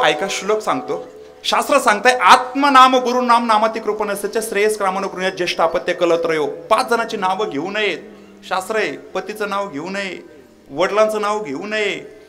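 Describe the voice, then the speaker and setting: A man preaching a devotional kirtan to a live audience, quizzing them for quick answers and mixing scripture with humorous anecdotes. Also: high-pitched, pushed and bright. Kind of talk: devotional kirtan sermon with audience call-and-response.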